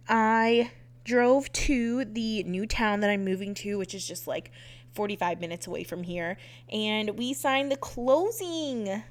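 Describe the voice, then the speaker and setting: Chatty woman with a stuffy nose. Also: a little high. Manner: rambling, chatty, laughs often. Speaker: Sims builder vlogger. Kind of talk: casual voice-over chat.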